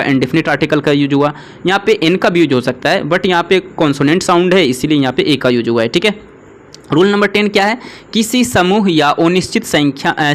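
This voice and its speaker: A man teaching an English grammar lesson, often stopping to check understanding and asking the learner questions. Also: on the high side. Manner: repeats "ठीक है" and poses questions to the learner. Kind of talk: classroom-style grammar lesson.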